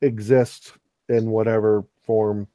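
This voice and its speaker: A man's voice: on the low side, little pitch movement, slow, warm tone, dry recording. A man talking casually as a player in a tabletop game session. He stammers and repeats words as he works out a thought.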